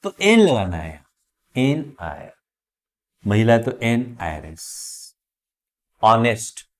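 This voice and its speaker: A man teaching an English grammar lesson, slowly drawing out each example word as he explains it. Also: lowish voice. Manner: slow, drawn-out spelling of example words.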